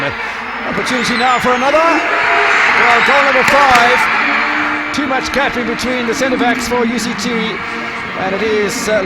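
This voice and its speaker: A man giving excitable live play-by-play football commentary, raising his voice as attacks build. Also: a little high, rough recording. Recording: loud crowd and music behind commentary. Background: loud crowd and music.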